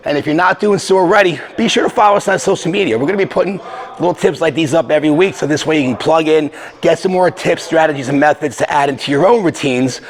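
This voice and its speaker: A man talking through a casual exercise tutorial as a fitness coach, energetic and conversational, a bit out of breath. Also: a little high. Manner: energetic, conversational, with filler restarts.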